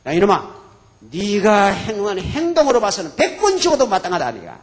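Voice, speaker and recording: A man's voice: sits high, huge pitch swings, normal speed, in a large hall. A man voicing a stern male army captain who scolds a prisoner.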